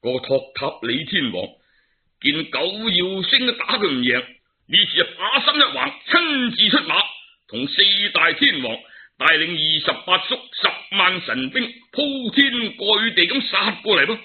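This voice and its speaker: A male Cantonese storyteller performs with theatrical flair and colloquial exclamations. His fairly high voice swings widely in pitch, dramatic throughout, on a narrow, tinny phone-like recording. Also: big pitch swings, a little slow.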